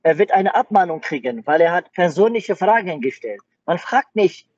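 A man who takes over a phone call as the boss, soothing and placating the caller while repeating her name again and again. His voice is husky and fairly high, and the recording is dry and dull. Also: very animated, moderate pace, a little mellow, dry recording.

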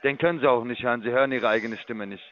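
A man's voice: medium pitch, fairly even intonation, racing, no room sound, lo-fi sound. A man working as an investment sales caller, lecturing and condescending as he walks a customer through a sign-up. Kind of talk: phone sales call.

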